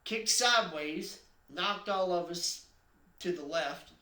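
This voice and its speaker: A man's voice: high-pitched, slow, sharp tone, reverberant. A man earnestly recounting his own accident as a personal testimony, building suspense with emphatic stresses.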